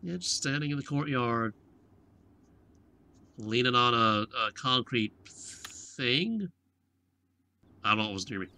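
A man's voice: mid-range voice, lively intonation, takes it slowly, pauses often, bright, forceful tone. A man with a playful, sarcastic manner, joking through gameplay commentary as a let's play host.

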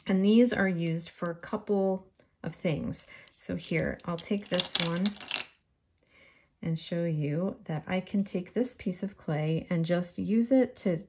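A woman's voice: lowish voice, slow pace, warm tone, husky. A woman with a faint New York accent giving a friendly step-by-step polymer clay crafting tutorial.

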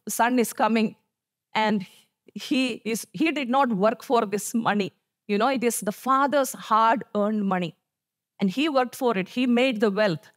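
A woman delivers a sermon at a church service, her voice sitting fairly high. She speaks earnestly, repeats her phrases for emphasis and often adds "you know" between them. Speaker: preacher.

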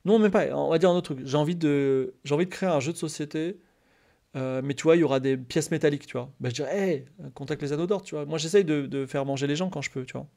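A gravelly, fairly high-pitched man talks quickly and casually to his stream chat. He rambles with plenty of fillers and restarts, becoming animated when excitement kicks in.

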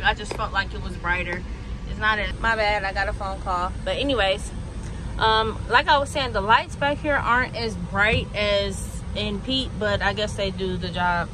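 A woman's voice: mid-range voice, noisy background. A woman giving a casual tour of her truck's cab and sleeper, talking straight to viewers. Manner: chatty, talks straight to viewers. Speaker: truck driver vlogger.

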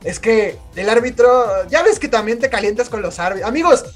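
A man's voice: very high voice, animated, fairly quick, faint music behind. A young man with a Mexican accent, co-hosting a podcast, telling stories in casual slang and acting out what people said. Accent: Mexican Spanish. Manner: slangy, laughing, acts out quotes loudly. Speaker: podcast co-host. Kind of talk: casual storytelling chat.

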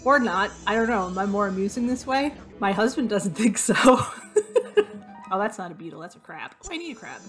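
A woman of middle pitch talks her way through a hidden-object game, listing items and making wry, self-mocking asides. Her voice sounds a little hoarse and worn, as if it is fading. Soft game music plays faintly behind her. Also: sing-song, quick pace, few pauses. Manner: chatty, self-deprecating, thinks aloud while searching. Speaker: gaming video host. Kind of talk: casual gameplay commentary.

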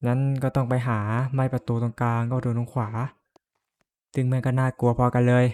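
A man's voice: medium pitch, monotone, a little fast, darkish tone, clean tone. A man playing a horror game and commenting as he goes, jumpy, cursing and laughing nervously. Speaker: gamer.

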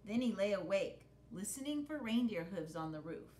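Sitting by a brick fireplace in a living room, a middle-aged woman dramatically reads a picture book to children, using pauses and gasps for effect. A camera a short distance away captures her in a roomy home recording with a rumble in the background.

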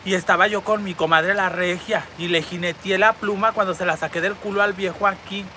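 This live-stream host talks briskly in a mid-range voice with fairly even intonation and a bright, forceful tone, with slight background noise around her. Outdoors on a city street with her phone, the Mexican-Spanish-accented woman reads viewers' comments and answers them in crude, brassy, campy, profane fashion.

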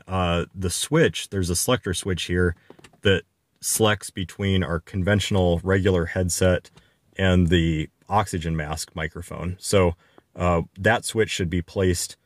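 A man with a very deep voice explains a cockpit check step by step. His delivery is relaxed and unscripted, with plenty of fillers and restarts. The sound is dry and close, recorded inside an aircraft cockpit. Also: no room sound. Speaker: flight instructor. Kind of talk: unscripted instructional walkthrough.

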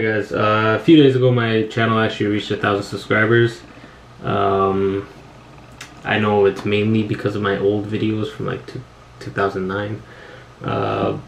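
A young man from Afghanistan chatting casually to his camera, rambling with fillers and laughing at himself. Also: fairly low pitch. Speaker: vlogger. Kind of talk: casual vlog chat. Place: home room with TV on. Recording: roomy home recording with faint noise.

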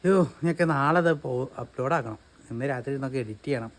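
A man's voice: medium pitch, fast. A young man chatting casually in a family vlog, playful and talkative. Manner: chatty, playful, talks to the baby in a sing-song voice. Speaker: vlogger.

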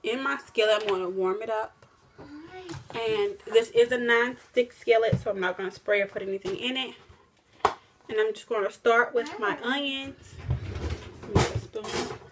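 This woman's voice runs on the high side at a moderate pace, broken by long pauses, and the background is noisy. She's a cooking vlogger in her own kitchen, casually walking through a recipe step by step, thinking aloud and fixing her own mistakes while a camera on the counter records.

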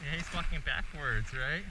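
A man teaching a small child to ski, gently repeating praise and simple instructions, filmed on a chest camera outdoors. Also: on the high side, unhurried, very noisy. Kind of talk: encouraging coaching while skiing. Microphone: action camera on the chest.

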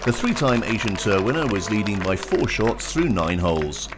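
A man reading a scripted highlights narration of a golf tournament over outdoor ambience. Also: very animated, normal speed, noisy background.

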